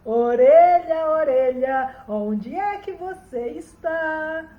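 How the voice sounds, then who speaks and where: Bossy stepmother, as a woman puts her on, slow commanding delivery, echoey room. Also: high voice, expressive, phone-quality sound, exaggerated voice. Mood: stern. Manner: slow, commanding, then shouting. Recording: roomy echo.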